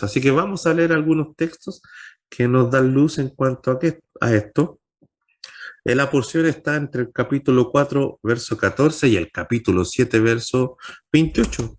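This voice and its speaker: Emphatic male pastor teaching scripture. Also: medium pitch. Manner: asks rhetorical questions and answers them. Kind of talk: Bible class teaching.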